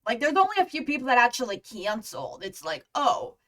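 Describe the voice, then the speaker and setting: A woman's voice: on the high side, very animated, fast, fairly bright tone, far from the mic. A woman in her thirties hosting a livestream, chatting casually. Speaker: stream host.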